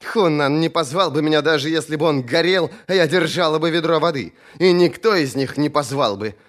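A man reading an audiobook, voicing a fierce, sharp-tongued young woman warrior who speaks bluntly and mockingly. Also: a little high, fairly quick, voice pushed up, close to an everyday voice. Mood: scornful. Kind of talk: audiobook character voice.

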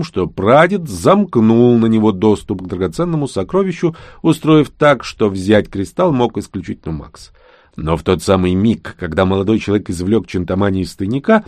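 Expressive man narrating an audiobook. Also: lowish voice, no echo, studio quality.

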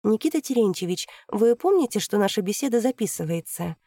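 A woman reading an audiobook, voicing a fearless female investigator who argues in a calm, methodical way. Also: medium pitch, a little fast, dry recording, studio quality. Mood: pressing.

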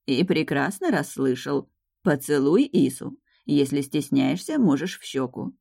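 A woman doing a slow, commanding old witch. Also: deep voice, expressive, gravelly, mellow, breathy edge, dry recording, studio quality, exaggerated voice. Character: stern old grandmother, powerful high witch.

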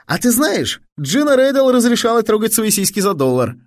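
Man playing a squeaky fat teen boy, whiny, mocking, shrill and loud, close dry sound. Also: big pitch swings, moderate pace, dry recording. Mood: teasing.

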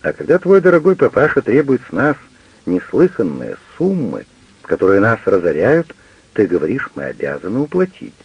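A man with a low, gravelly voice playing a stubborn, defensive cavalry captain arguing with his wife in an audiobook. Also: wildly swooping pitch, moderate pace, no echo, dull audio, exaggerated voice. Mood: sulky. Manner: sulky, then threatening.

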